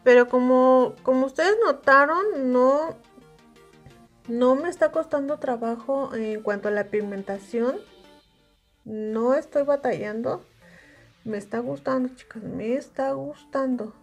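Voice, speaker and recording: Woman, Mexican Spanish accent, high pitch, calm step-by-step makeup tutorial, soft music underneath. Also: unhurried. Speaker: makeup reviewer.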